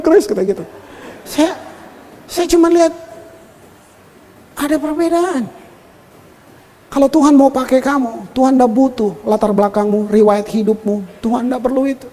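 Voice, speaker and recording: High-voiced older pastor in a reverberant hall. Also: male voice. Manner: animated storyteller, often addresses the congregation as brothers and sisters. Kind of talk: sermon with personal storytelling.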